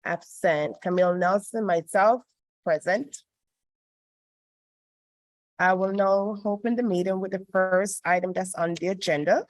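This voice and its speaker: A woman's voice: mid-range voice, a little slow, long pauses, low-quality recording. A woman chairing a city hearing over an online group voice call, speaking formally with frequent ums and small restarts. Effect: voice heard over an online group voice call. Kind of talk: formal meeting chairing and reading into the record.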